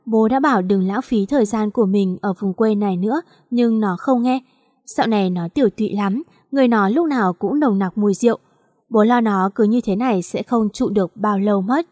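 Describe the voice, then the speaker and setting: A woman voicing a gentle, worried older father in an audio story, speaking with concern. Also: mid-range voice, a little fast, no room sound, clean studio sound, close to an everyday voice.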